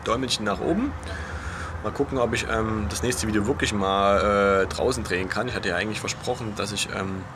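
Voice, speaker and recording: A young man chatting casually to his vlog viewers in a hushed undertone close to a whisper, outdoors on a balcony. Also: fairly low pitch, fairly quick. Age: young adult. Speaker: gaming vlogger. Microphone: camera at arm's length. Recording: clear outdoor street noise.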